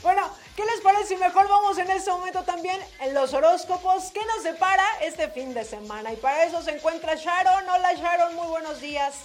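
A woman with a high voice hosts a morning radio show, chatting and bringing in the next segment. She talks in a casual, lively way. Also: fairly quick, hardly any pauses. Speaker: radio host. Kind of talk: casual chat.

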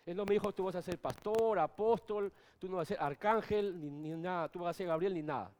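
A middle-aged male pastor preaching a sermon, moving between soft asides and loud, emphatic peaks. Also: high voice, a little fast.

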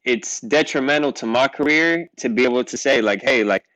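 In a casual interview chat, a young Portuguese-speaking rapper rambles as a guest, leaning on "like" and "you know what I mean." His voice is medium-pitched and a bit bright, his pace moderate, and the recording is rough though echo-free.

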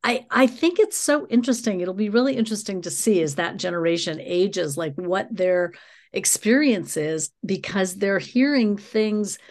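A woman with a medium-pitched voice hosts an interview. She talks in a casual, conversational style, as a podcast interviewer does. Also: normal speed, darkish tone.

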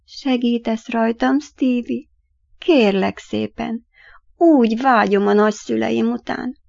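A woman voicing the sad, gentle ghost of a little boy in a storybook reading, pleading softly. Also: mid-range voice, flat delivery, gravelly, dry recording, lo-fi sound, close to an everyday voice. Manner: soft pleading.

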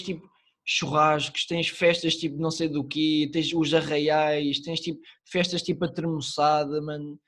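A young man with a Lisbon Portuguese accent and a slightly high-pitched voice. He talks like a podcast co-host among friends, casual and slangy. Swear words come freely. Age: young adult. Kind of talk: casual chat. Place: online call.

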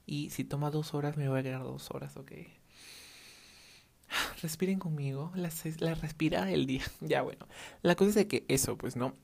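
A man's voice: on the high side, moderate pace, creaky. A young man hosting a casual solo podcast without a proper microphone, rambling and drifting off topic. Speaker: podcast host, clothing brand owner. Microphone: no dedicated microphone.

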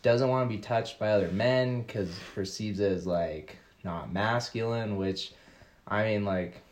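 Rambling man, a guest, full of "like". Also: on the low side. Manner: rambling, halting, heavy use of "like". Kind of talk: casual chat.

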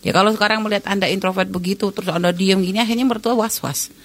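Middle-aged woman, advice speaker; direct, chatty, animated storyteller. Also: medium pitch, fast talker. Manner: direct, addresses listener as "Anda". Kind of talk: conversational advice talk.

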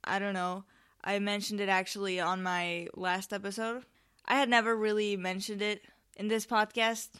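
A Spanish girl in her late teens hosts her own podcast, chatting alone in a rambling way and cutting herself off with lots of ums. Her smooth, clear voice sits at a typical pitch for a young woman, with a level, fairly bright tone at normal speed. She comes across as slightly tired and nervous.

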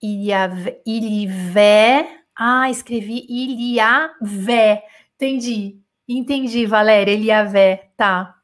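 A woman's voice: on the high side, steady tone, slow pace, a bit bright. A Brazilian woman teaching French in a chatty live online lesson, answering comments and repeating sounds to show their rhythm. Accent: Brazilian Portuguese.

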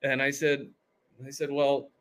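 Man, comedian guest, slightly high voice, rambling, restarts, casual podcast storytelling. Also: lively intonation, normal speed, fairly bright tone. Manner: rambling, many restarts, laughs at own stories.

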